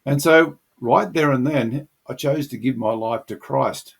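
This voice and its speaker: A man's voice: mid-range voice, measured pace, vocal fry, husky. A middle-aged man earnestly telling the personal story of how he came to faith, in a reflective storytelling manner. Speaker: channel host sharing his testimony.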